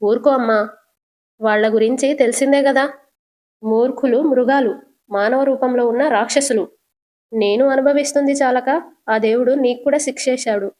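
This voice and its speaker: A woman's voice: sits high, steady tone, normal speed, long pauses, a little mellow, natural voice. A woman voicing a weary older mother-in-law who speaks in a resigned, bitter way.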